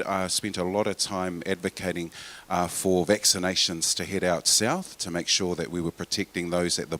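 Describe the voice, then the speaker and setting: A man's voice: low-pitched, fairly bright tone. A man with a New Zealand accent, a councillor speaking at a public forum in a loose, informal way full of fillers and restarts. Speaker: councillor and mayoral candidate.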